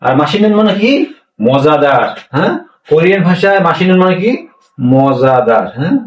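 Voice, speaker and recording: A man's voice: a little high, expressive, fairly quick. A man teaching a language lesson, explaining pronunciation rules step by step, often asking a question and then answering it himself. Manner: repetitive, asks questions and answers them himself. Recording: echoey room, mic far off.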